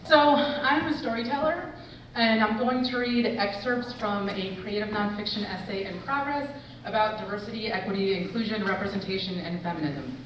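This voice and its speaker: A woman in her forties, an English professor, reading a personal essay aloud with expressive storytelling. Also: medium pitch, normal speed, recorded from a distance, slight background noise. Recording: echoey hall, voice from afar.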